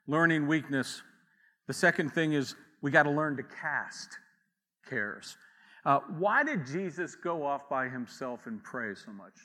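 A man's voice: on the high side, animated, measured pace, bright, forceful tone, long reverb tail. A man preaching a sermon as pastor, in a conversational way with asides and acted quotes.

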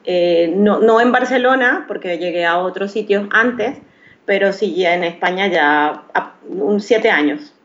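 A woman's voice: mid-range voice, a little slow. A woman in her thirties from Venezuela with a Maracaibo accent, a makeup artist answering interview questions hesitantly, with many restarts. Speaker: guest, professional makeup artist. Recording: slightly dull, lo-fi sound.

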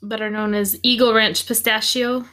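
A woman's voice: fairly high pitch, little pitch movement, moderate pace, bright, forceful tone. A woman co-hosting a casual chat podcast, playful and giggly. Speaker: podcast co-host.

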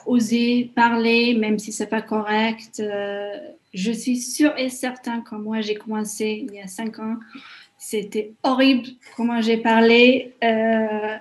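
A woman's voice: fairly high pitch, little pitch movement, slow pace. A Hungarian woman speaking French as a second language with a Hungarian accent, talking hesitantly as an interview guest with fillers and small slips.

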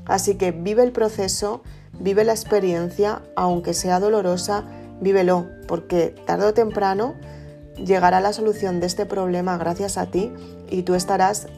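A woman giving a casual, gentle self-help talk, often checking in with the listener. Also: mid-range voice, fairly even intonation, normal speed, vocal fry. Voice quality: soft, conversational, asks "¿no?" often. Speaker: emotional wellbeing speaker. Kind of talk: casual motivational talk to camera. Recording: soft guitar music underneath.

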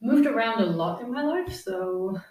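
A woman in her thirties from Germany, chatting casually as an interview guest, relaxed with lots of fillers and laughs. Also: a little high, moderate pace, distant mic. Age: 30s. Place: apartment overlooking the sea. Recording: echoey room, off-mic.

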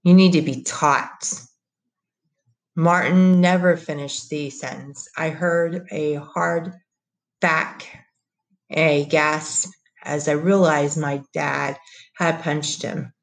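A woman reading a story aloud as narrator, steady and unhurried, with small slips. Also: sits low, creaky.

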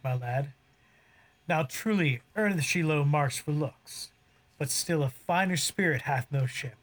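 An actor playing a cocky, roguish young smuggler captain, delivering boastful Shakespearean verse. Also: male voice, fairly high pitch. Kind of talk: audio drama acting in verse.

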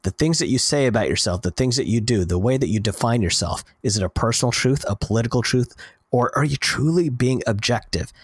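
A man's voice: mid-range voice, fairly quick, husky, no echo. Earnest man talking on a dry mic. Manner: earnest, animated storytelling with quoted dialogue. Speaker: podcast co-host. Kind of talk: casual chat.

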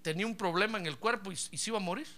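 A man's voice: sits high, rapid-fire, bright, forceful tone. A middle-aged man, a pastor, preaching a sermon and acting out both sides of a story's dialogue, calling his listeners brother. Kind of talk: sermon with acted anecdote.

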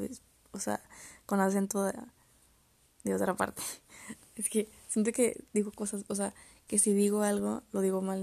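Young woman muttering in gravelly fry. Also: medium pitch, warm tone, no room sound. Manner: rambling, self-interrupting, often drops to mutters and whispers. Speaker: podcast host. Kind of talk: casual solo chat about poetry.

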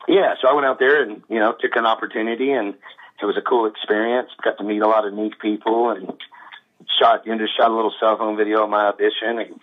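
A man, a guest musician, talking casually in an interview, relaxed and rambling with lots of fillers. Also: on the low side. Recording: tinny phone line.

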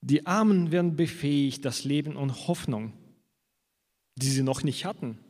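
A man preaching a sermon in an earnest way, slowing down when he quotes scripture. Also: on the high side, a little mellow, big-room sound.

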